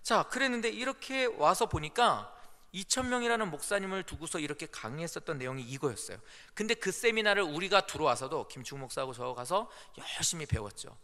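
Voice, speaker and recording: Animated, bright-voiced male pastor preaching. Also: fairly high pitch, a little fast. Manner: animated storytelling with acted-out quotes. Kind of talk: sermon. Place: church sanctuary. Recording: echoey church hall.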